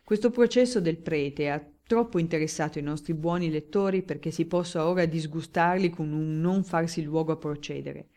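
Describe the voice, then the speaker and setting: A woman's voice: deep voice, normal speed, hardly any pauses, mellow. A woman doing a glib, declaiming male journalist. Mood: eager. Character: talkative, flattering male newspaper journalist. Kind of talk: audiobook character reading.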